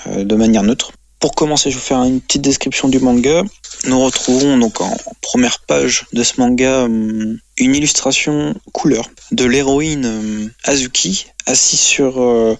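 A man's voice: medium pitch, gravelly, dry recording. A man presenting a manga review column on the radio, casual and hesitant, with many fillers and restarts.

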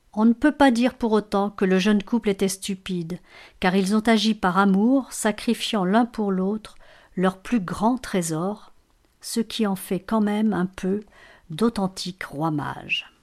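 A woman reading a story aloud in a measured, expressive way. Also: mid-range voice.

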